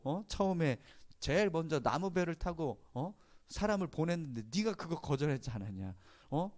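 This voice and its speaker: A man's voice: fairly high pitch, a little mellow, pitched above the performer's own voice, natural voice. A man voicing an exasperated, chiding God. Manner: chiding, rhetorical questions.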